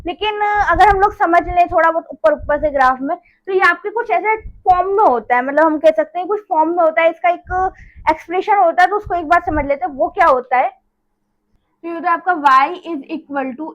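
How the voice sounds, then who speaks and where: A woman teaches a maths lesson in a relaxed, chatty way. Her voice sits very high, and she keeps checking in with her students as she repeats each step. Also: fairly quick, lo-fi sound. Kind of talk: casual classroom lesson.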